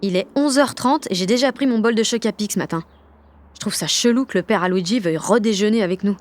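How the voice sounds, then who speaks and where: An actress with a medium-pitched, natural voice narrates a first-person audio drama as a rebellious, emotional sixteen-year-old girl. She speaks quickly in blunt, sarcastic slang, with a melancholy mood.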